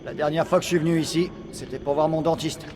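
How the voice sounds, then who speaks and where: A man's voice: a little high, level tone, quick pace, noisy background, natural voice. An actor playing a wry, sardonic male resistance fighter in a game, with dry, sarcastic remarks. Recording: game audio, long reverb, crowd behind.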